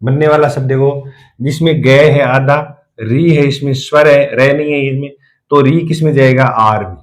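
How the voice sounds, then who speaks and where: A man's voice: medium pitch, steady tone, normal speed, rough recording. A man teaching a spelling lesson at a board, who asks his class questions and answers them himself while he writes.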